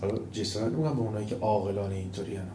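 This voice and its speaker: A man preaching a sermon with told stories, swinging between loud mocking and quiet, calm storytelling. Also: on the low side, a little hiss or hum. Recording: echoey room, faint ambience.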